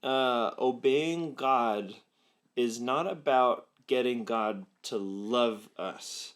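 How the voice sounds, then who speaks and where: Upbeat and drawing out his words, a young man with a medium-pitched voice co-hosts a casual student ministry video. He reads aloud from a choose-your-path story and then shifts into teaching.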